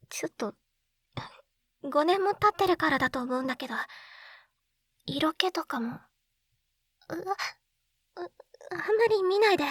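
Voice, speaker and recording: In an intimate Japanese ASMR roleplay, a woman uses a very high, exaggerated voice as a shy, tender, lovestruck schoolgirl reunited from another world. Bashful and smitten, she talks breathily and haltingly, often in whispers, close to a binaural dummy-head mic in a recording without echo.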